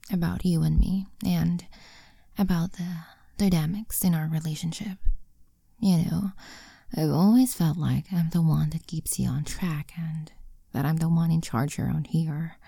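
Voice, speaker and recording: A young woman whispering an intimate, coaxing audio roleplay in a soft, commanding way. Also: lowish voice, steady tone, unhurried, gravelly, breathy edge, no echo, clean studio sound.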